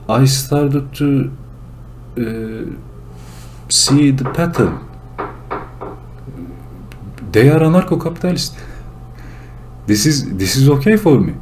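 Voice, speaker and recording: A Turkish-accented man from Turkey, hosting his own channel, gives a one-man commentary in English, working through his points with deliberate earnestness. His medium-pitched voice has a darkish tone, and there's slight background noise.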